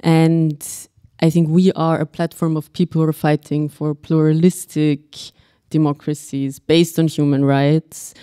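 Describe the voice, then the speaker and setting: A woman's voice: deep voice, flat delivery, measured pace, warm tone, smooth, dry recording, clean studio sound. A young woman from Austria speaking earnestly as a panelist, restarting phrases as she thinks aloud. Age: young adult. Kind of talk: panel discussion.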